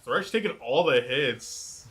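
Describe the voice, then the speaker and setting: A man's voice: mid-range voice, expressive, takes it slowly, a bit bright. A man co-commentating live on a video game match in a casual, reactive way with lots of interjections. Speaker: esports co-commentator.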